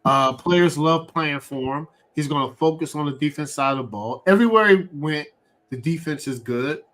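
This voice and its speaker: A man hosting a live sports fan show, talking eagerly with frequent restarts. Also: a little high. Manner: excited, talks fast with many restarts.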